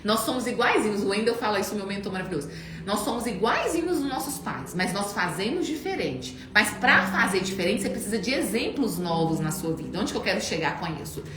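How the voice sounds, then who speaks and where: A woman in her thirties hosting a casual chat, telling stories in an animated way. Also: mid-range voice, fairly quick. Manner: animated storytelling. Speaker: host. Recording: echoey room, faint background noise.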